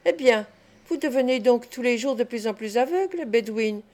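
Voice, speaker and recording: A woman reading an audiobook, voicing an older gentleman who speaks brusquely. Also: a little high, expressive, normal speed, natural voice.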